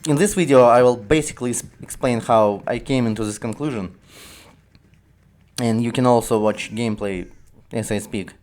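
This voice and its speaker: A man with a Russian accent, a native Russian speaker, talking casually over gameplay footage in a hesitant, halting way with frequent restarts. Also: medium pitch, a little mellow. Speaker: gaming video creator.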